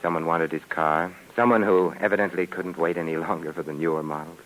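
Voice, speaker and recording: An actor playing a suave, unflappable, wry gentleman adventurer in the style of a 1950s radio detective drama. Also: low-pitched, steady tone, a little fast, lightly acted, low-quality recording. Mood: dry, teasing. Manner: wry, urbane, drily teasing. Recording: old radio broadcast recording.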